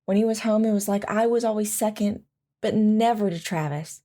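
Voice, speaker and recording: In an audio drama, a woman plays a devoted military wife reminiscing about her husband in a fond, reflective mood. Her warm, mellow voice sits at an average pitch for a woman, and she speaks gently with wistful tenderness. The pace is normal and the acting light.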